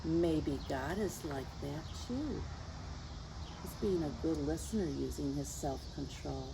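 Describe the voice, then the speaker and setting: A woman hosting children's story time reads a picture book aloud to young children, slowly and very expressively. Her voice sits low and is gravelly, with a noisy background. She has a gentle, teacherly manner, talking to the kids with questions and asides.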